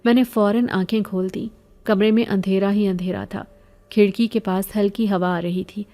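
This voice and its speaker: A woman narrating a first-person horror story in a measured, even storytelling manner. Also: medium pitch.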